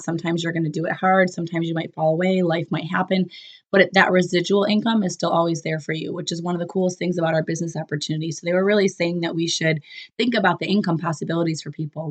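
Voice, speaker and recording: A business coach with a cold, which makes her voice lower and rough, gives a chatty, upbeat solo recap to camera. She speaks casually, with plenty of fillers and restarts.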